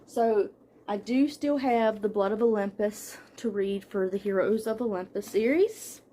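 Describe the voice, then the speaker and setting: A young woman talks through her shelves in a relaxed, chatty way, reading off book titles one after another with the odd filler and soft laugh. Her voice sits at an ordinary middle pitch for a woman, recorded in a room at home. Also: measured pace. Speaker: book vlogger. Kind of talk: casual book haul chat.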